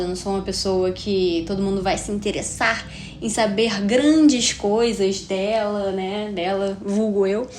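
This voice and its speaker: A woman's voice: mid-range voice, darkish tone. A woman in her twenties from Rio de Janeiro with a Carioca accent, hosting a solo podcast in a chatty, reflective way. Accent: Carioca Brazilian Portuguese. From Rio de Janeiro, Brazil. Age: 20s. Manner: chatty and reflective, frequent tag questions. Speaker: podcast host. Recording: roomy echo with faint hiss.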